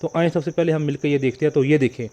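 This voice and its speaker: Man, channel host, talks to viewers, rhetorical questions, slightly high pitch. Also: steady tone, fast, warm tone. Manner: addresses viewers directly, poses rhetorical questions. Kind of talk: video introduction and commentary.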